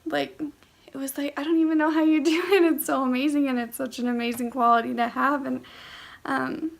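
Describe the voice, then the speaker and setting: A woman's voice: high voice, level tone, a little fast, gravelly. A young woman recording a heartfelt birthday video message to her grandmother, hesitant and full of fillers, turning tearful. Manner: hesitant, many fillers and restarts.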